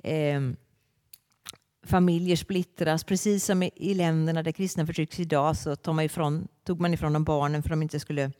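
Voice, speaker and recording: A woman's voice: deep voice, fairly even intonation, warm tone. A woman preaching a sermon to a congregation in a church, speaking expressively with frequent hesitations.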